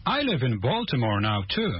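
A man playing a polite young male student from Poland, speaking slow, careful English in a scripted language-course dialogue. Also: mid-range voice, huge pitch swings, husky, no echo. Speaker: student interviewed for a news report. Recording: muffled lo-fi studio recording.

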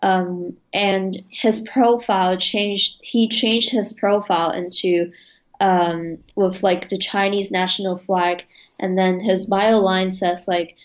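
A woman's voice: mid-range voice, level tone, takes it slowly. Hesitant young woman over a muffled video call. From Hong Kong. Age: young adult. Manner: hesitant, many fillers and restarts. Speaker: journalism student, interviewee. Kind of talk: casual interview answers. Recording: dull lo-fi video call audio.

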